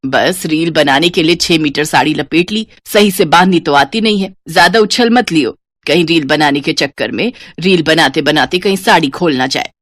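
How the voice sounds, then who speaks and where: A woman voicing a sharp-tongued middle-aged mother who scolds her daughter in a lower voice. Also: normal speed, no room sound, clean studio sound. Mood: scolding. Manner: nagging, scolding.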